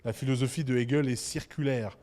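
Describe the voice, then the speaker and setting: A man giving a business lecture to entrepreneurs, talking in an animated, provocative way and addressing the audience directly. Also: mid-range voice, a little fast. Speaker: business conference speaker. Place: conference hall. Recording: reverberant conference hall.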